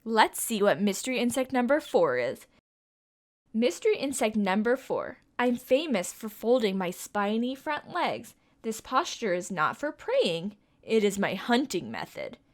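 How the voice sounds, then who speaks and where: Reading a picture book to kids, a young storytime reader lets her somewhat high voice swing widely in pitch while keeping an unhurried pace. Her sing-song delivery is sprinkled with coaxing questions for the listeners.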